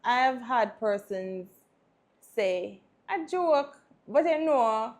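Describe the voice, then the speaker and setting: A woman's voice: fairly high pitch, expressive, slow pace. A woman with a Jamaican accent giving frank opinions as co-host on a casual talk show. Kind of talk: casual panel chat.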